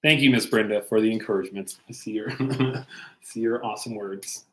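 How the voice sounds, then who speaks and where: A man, a pastor, reading a children's storybook aloud in a gentle, unhurried way. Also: on the low side, fairly even intonation. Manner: gentle, unhurried, self-correcting. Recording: echoey room.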